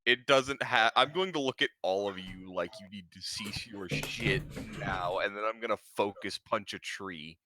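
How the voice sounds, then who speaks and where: A man's voice: lowish voice, moderate pace, hardly any pauses, sharp tone. A man playing a tabletop game, chatting casually in a playful, sweary way.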